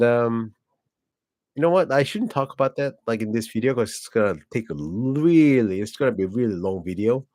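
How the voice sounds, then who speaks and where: In this casual vlog monologue, a South Korean man in his forties who hosts the channel speaks with a Korean accent in a lowish, slightly mellow voice. A native Korean speaker, he meanders with frequent fillers and self-corrections. The recording is dry and studio quality.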